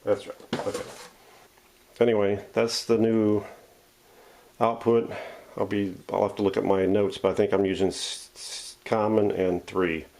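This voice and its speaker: In his home workshop, the host of a vintage radio restoration channel gives a casual, unscripted demonstration, explaining each step as he handles the parts. His fairly low, level voice is a little slow and a little mellow, with some vocal fry.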